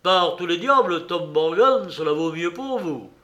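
A sly old peg-legged ship's cook, put on by a man reading the story aloud. He booms and blusters in loud, theatrical bursts, his voice sitting fairly high. A radio reading of an adventure tale. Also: lively intonation, takes it slowly, highs cut off. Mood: blustering. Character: gruff one-legged old male sea cook, cunning and blustering.

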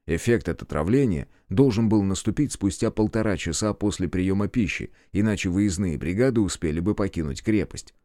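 A man narrating a first-person audiobook in a calm, measured way. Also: low-pitched, no room sound, clean studio sound.

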